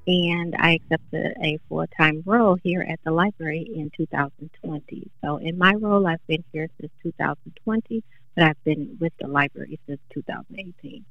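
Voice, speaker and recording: A woman's voice: low voice, normal speed, vocal fry, no echo. A woman guest heard over the phone, speaking a little hesitantly and restarting her sentences as she explains her work at the library. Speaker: children's library specialist guest. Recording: muffled phone line.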